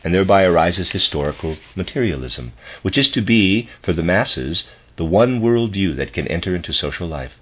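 A man with a husky voice reading a scholarly philosophy lecture aloud in a formal, deliberate, professorial manner. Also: sits low, animated. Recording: dull lo-fi recording.

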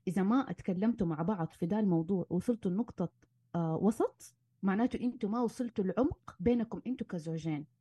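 A woman, a marriage and family therapist giving animated advice in casual conversation and slipping in English terms. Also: medium pitch, rapid-fire, husky, dry recording. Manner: animated, acts out arguments, mixes in English terms.

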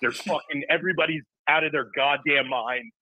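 A man's voice: on the high side, pushed and bright, husky, no room sound, rough recording. A man appearing as a guest from a battery company on a casual podcast, ranting hotly and swearing freely. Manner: heated, profane, rapid ranting.

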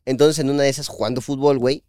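A young Mexican man co-hosting a podcast, telling a funny anecdote in casual, animated chat, acting out voices and laughing. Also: medium pitch, rapid-fire, clear, resonant tone, no echo, studio quality. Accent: Mexican Spanish. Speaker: podcast co-host.

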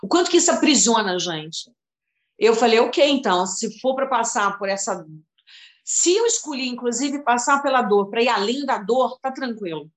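A woman's voice: a little high, lively intonation, moderate pace, roomy sound. Chatty woman in her fifties, emotional storytelling. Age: 50s. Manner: emotional, rambling, addresses the other by name often. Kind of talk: casual conversation about healing and spirituality.

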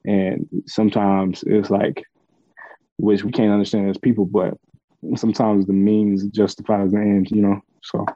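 A man co-hosting a faith discussion podcast, talking in a casual, relaxed way with slang. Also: lowish voice, normal speed, no room sound. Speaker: podcast co-host. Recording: dull lo-fi sound.

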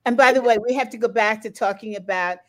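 A woman's voice: on the high side, fast talker. A woman hosting a casual conversation, reacting eagerly and telling her own stories. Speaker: host.

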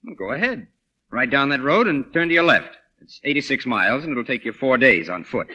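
A sarcastic, exasperated leading man in the old Hollywood comedy manner. His medium-pitched voice is bright and very expressive. He clips his lines with dry, wry irony. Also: brisk, husky, dull audio, heavily acted. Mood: sarcastic, weary.

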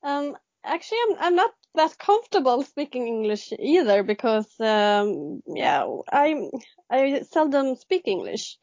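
A Swedish woman in her thirties, a guest illustrator, gives casual interview answers in Swedish-accented English, hesitant and full of ums and restarts. Her high, sing-song voice is unhurried and a little mellow, captured with no echo in a dry, dull lo-fi recording.

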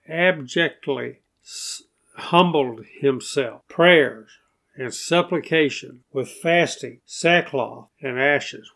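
A man preaching a recorded sermon, emphatic and repeating phrases as he teaches, rising to loud exclamations on key words. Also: a little high.

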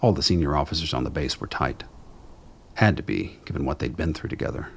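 Reading scripted dramatic narration, this man has a gravelly, extremely low voice and an expressive delivery. His storytelling is measured and brooding.

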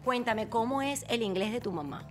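A woman's voice: fairly high pitch, moderate pace. A woman hosting a podcast interview in a casual, playful and affectionate way. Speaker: podcast host.

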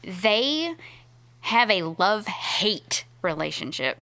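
A woman's voice: medium pitch, sing-song, slow pace, pushed and bright, no echo. A woman co-hosting in casual chat, explaining eagerly with plenty of fillers.

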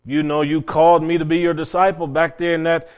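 A man's voice: a little high, flat delivery, fairly quick, natural voice. A man retelling a sermon story, speaking as an earnest male disciple who rambles and stumbles over his words. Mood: eager.

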